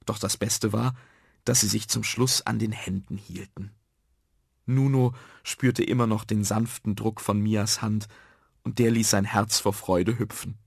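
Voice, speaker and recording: A man narrating a children's story in a lively, expressive storytelling manner. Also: fairly low pitch, measured pace, creaky, slightly rough, no echo, clean studio sound.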